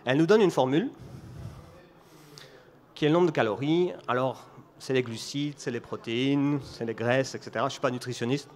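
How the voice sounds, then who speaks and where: A man's voice: mid-range voice, a little fast, pauses often, darkish tone. A man with a Belgian French accent speaks at a conference in a mid-range voice. He explains his point through a running example and often restarts his phrases as he goes. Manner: storytelling explainer with frequent restarts. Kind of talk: conference talk.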